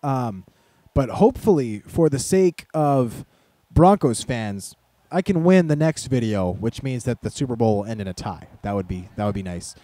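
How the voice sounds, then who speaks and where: A man's voice: medium pitch, lively intonation, normal speed, warm tone, dry recording. Rambling sarcastic man commenting on a game. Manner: rambling, self-deprecating, sarcastic asides. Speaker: gaming commentator. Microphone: desk microphone.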